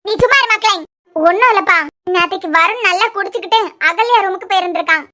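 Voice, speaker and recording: Woman doing a shrill blunt cartoon aunt. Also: sharp tone. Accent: Kanyakumari Tamil. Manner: blunt, brisk.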